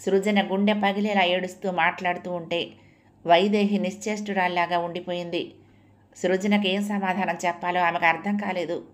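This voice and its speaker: A woman narrating a novel in a measured, expressive storytelling manner. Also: fairly low pitch.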